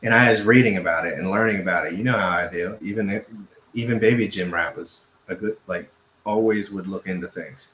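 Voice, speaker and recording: A man's voice: low-pitched, fairly quick, fairly bright tone, slight background noise. Rambling male livestreamer in an echoey room. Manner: rambling, self-correcting, repeats phrases for emphasis. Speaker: crypto livestreamer. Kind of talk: casual livestream chat.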